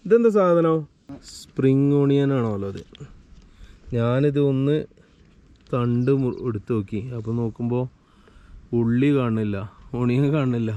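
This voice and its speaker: A man's voice: medium pitch, measured pace, pauses often, dark tone. A man with a Kerala Malayali accent doing casual travel vlog commentary, mixing in Arabic phrases like a Gulf returnee. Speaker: travel vlogger. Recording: muffled lo-fi, noisy vehicle ambience.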